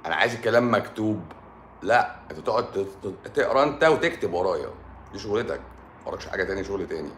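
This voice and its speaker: A man's voice: low-pitched, fairly bright tone, slight background noise. A man with an Egyptian accent, a doctor hosting a live stream, lecturing viewers in a stern, sarcastic way. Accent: Egyptian Arabic. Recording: echoey room.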